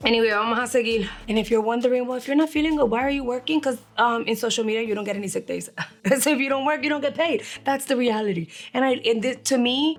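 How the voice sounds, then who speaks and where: A young woman, a beauty vlogger, chatting casually through a subscription box review at home while slightly under the weather, dropping in Spanish words. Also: a little high.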